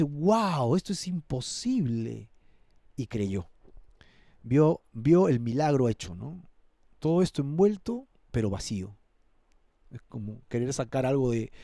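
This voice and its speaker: A man's voice: a little high, mellow, dry recording, studio quality. A male pastor preaching an expository sermon, dramatizing the scripture and earnestly appealing to his listeners. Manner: dramatizes the scripture, acting out characters' voices.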